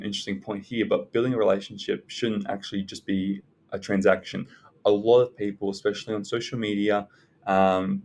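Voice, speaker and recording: Low-pitched, even-toned man giving advice. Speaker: self-development content creator. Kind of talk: unscripted advice talk to viewers. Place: indoors in a library.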